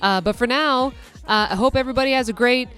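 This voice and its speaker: A woman's voice: a little high, fast, fairly bright tone, clean tone, faint music behind. A woman hosting a casual storytelling podcast, a veterinary technician telling work stories in a chatty, self-deprecating way with many restarts. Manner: self-described nervous person.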